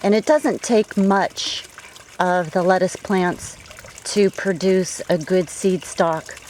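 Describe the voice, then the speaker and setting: A woman's voice: lowish voice, slow, a little mellow, slight background noise, low-quality recording. A woman in her garden, slightly out of breath, giving chatty practical gardening tips with frequent fillers. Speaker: gardening vlogger. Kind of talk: casual outdoor garden tips. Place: outdoor garden.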